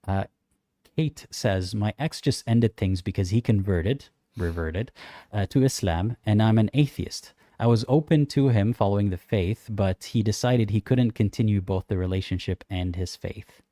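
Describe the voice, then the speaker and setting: A young man co-hosting a casual livestream chat, reading out viewer comments and answering them in a thoughtful, measured way. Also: fairly low pitch, dark tone, no echo, studio quality.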